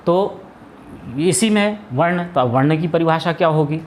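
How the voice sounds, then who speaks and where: A man's fairly high voice comes a little slowly over a bit of hiss or hum. In a classroom lesson on Hindi grammar, he explains step by step, poses questions and answers them himself, often hesitating and restarting.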